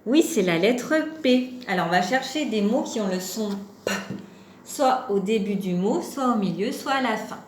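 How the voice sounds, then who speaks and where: A young woman teaching preschoolers at home, talking in a patient, sing-song way and spelling out sounds slowly. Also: medium pitch, lively intonation. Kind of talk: home-schooling lesson for young children. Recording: roomy echo with faint background hum.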